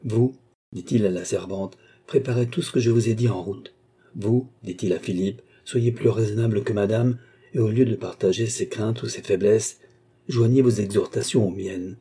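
A man voicing a calm, kindly older doctor who speaks with composed authority, in an audiobook reading. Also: fairly low pitch, moderate pace, husky.

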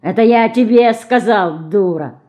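A woman voicing a rough, mocking teenage street boy who taunts and threatens, read in an audiobook. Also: on the high side, a little slow, warm tone, voice pushed up, close to an everyday voice. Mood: rude, mocking. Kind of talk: audiobook character reading.

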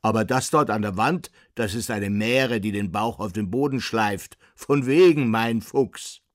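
Man doing a coachman, short, gruff, blunt, mocking, loud, husky. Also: medium pitch, very animated, unhurried, dry recording, clean studio sound, voice pushed up. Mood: scornful.

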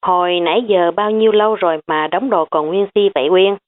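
A domineering middle-aged aunt, as a woman voices her, sharp and commanding as she scolds. The audiobook sound is thin and phone-like. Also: lowish voice, steady tone, brisk, natural voice. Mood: bossy.

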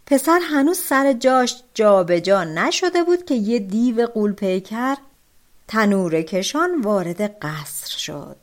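A woman narrating a folk tale for an audiobook, telling it in an expressive, dramatic way. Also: mid-range voice. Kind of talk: storybook narration.

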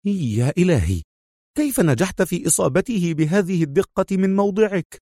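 A man's voice: high-pitched, normal speed, dry recording, studio quality, pitched above the performer's own voice. A man voicing a frantic young male spy. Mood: agitated, pleading. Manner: excited, pleading outbursts. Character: young male intelligence officer, anxious and stubborn.

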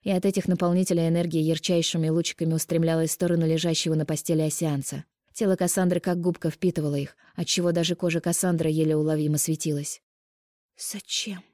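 Woman audiobook narrator, low and mellow, dry close sound, steady measured reading. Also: no room sound. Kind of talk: scripted narration.

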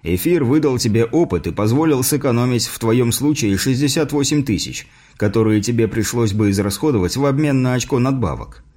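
A man voicing a patient male mentor in an audiobook, explaining things in a measured way. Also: medium pitch, animated, darkish tone, natural voice. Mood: instructive.

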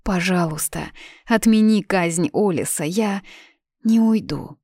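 A woman's voice: on the low side, slow, dark tone, dry recording, clean studio sound, voice pushed up. A woman voicing a young, freedom-loving witch who pleads and begs. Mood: pleading. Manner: pleading, breathless.

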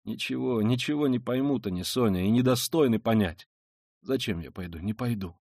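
A tormented, feverish young man, proud and brooding, who lurches from fierce outbursts to low mutters, as a male reader voices him. The storybook reading is dry and close-miked, in a mid-pitched voice. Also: normal speed, a little mellow, dry recording, lightly acted. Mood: bitter. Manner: intense, brooding, swings between outbursts and mutters. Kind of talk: dramatic audiobook reading.

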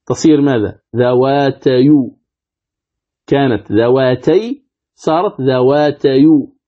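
A man teaching a recitation lesson, asking his students questions, answering them himself, and slowly repeating words so they can copy the pronunciation. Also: on the high side, mellow, breathy edge. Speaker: sheikh teaching Quran recitation. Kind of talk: classroom lesson commentary on a text. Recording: dull lo-fi lecture recording.

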